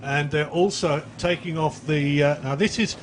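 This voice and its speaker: A man's voice: on the high side, moderate pace, slight background noise. A man doing live race commentary in a chatty, jokey way, describing boats he watches out the window.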